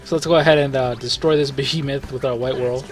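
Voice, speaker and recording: Over music, a man narrates a mobile game run for his gaming video, talking fast in a medium-pitched voice with fairly even intonation. He rambles loosely as he guides viewers, constantly using fillers and correcting himself.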